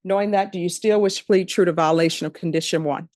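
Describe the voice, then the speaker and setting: A woman judge in a courtroom recording, formally reading case numbers and charges in a measured, procedural way. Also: lowish voice, steady tone, a little mellow, no echo, studio quality. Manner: measured, procedural, repeats formulaic questions.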